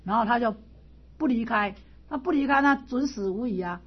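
A woman's voice: on the high side, lively intonation, normal speed, breathy edge, dull audio. A woman teacher explaining a classical text in a storytelling lecture style, repeating points and chuckling now and then.

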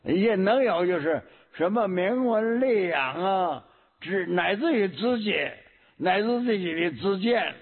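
A man giving a Buddhist sermon, teaching slowly and deliberately, often pausing with a hum and repeating key words. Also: high-pitched, animated, breathy edge. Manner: slow, measured teaching with frequent hums and repetitions. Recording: tinny phone-like lo-fi recording.

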